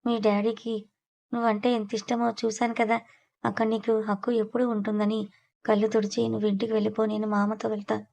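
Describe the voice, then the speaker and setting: A woman's voice: fairly high pitch, completely flat delivery, fairly quick, creaky, a little mellow. A woman voicing a young husband who talks in a teasing, reassuring way, in an audio story. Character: young man, playful, protective husband.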